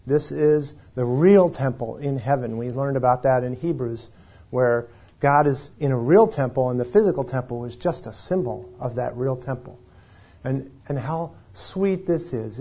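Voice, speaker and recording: A man's voice: mid-range voice, darkish tone, dull audio. A man, a pastor, preaching a conversational sermon and reading scripture aloud, with dramatic rises on the readings.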